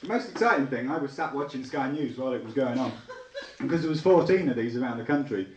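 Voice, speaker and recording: A man's voice: medium pitch, fast, far from the mic, muffled recording, noisy background. A young man from England with a Leicester accent tinged with Liverpool, doing a stand-up comedy routine and bantering with the crowd. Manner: chatty, bantering with the crowd, bursts into excited yelps. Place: small theatre lounge with a live audience. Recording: echoey room, recorded from afar.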